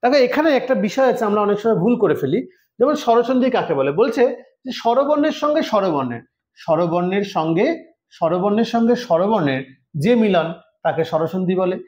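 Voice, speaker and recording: High-voiced male teacher, echoey room. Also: expressive, quick pace, a little mellow. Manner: explains step by step, often checks understanding. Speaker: Sanskrit teacher for exam preparation. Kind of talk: online lesson. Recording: roomy echo.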